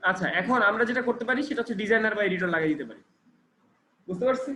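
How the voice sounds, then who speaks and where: A man's voice: high voice, lively intonation, racing, pushed and bright. A man teaching a computer class, explaining step by step and checking often that his student follows along. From Bangladesh. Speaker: computer trainer. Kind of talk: classroom instruction. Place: training center classroom. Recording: echoey room with faint background noise.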